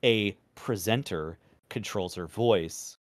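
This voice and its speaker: A former radio man speaks in a low, resonant voice pushed from the diaphragm. His delivery is measured and deliberate even in loose podcast chat, with casual swearing. The recording is dry and close, with no room sound. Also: no room sound.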